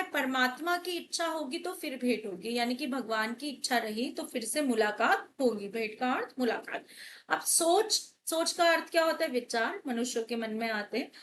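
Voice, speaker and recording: A woman's voice: high-pitched, fairly bright tone, a little hiss or hum. A young woman teacher working through exam questions, asking and answering her own questions as she explains. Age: young adult. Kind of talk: exam paper walkthrough lesson.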